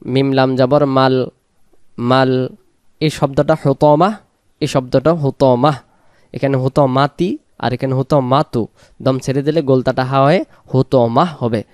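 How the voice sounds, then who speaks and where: A man teaching Quran recitation, spelling each word letter by letter and then chanting the verse slowly. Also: medium pitch, steady tone, a little mellow, smooth, no room sound, clean studio sound.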